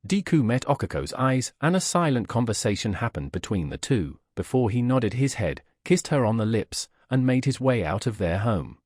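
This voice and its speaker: A man narrating a romance fanfiction story in an expressive, dramatic reading. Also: medium pitch, normal speed, few pauses, no room sound, studio quality. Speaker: fanfiction reader.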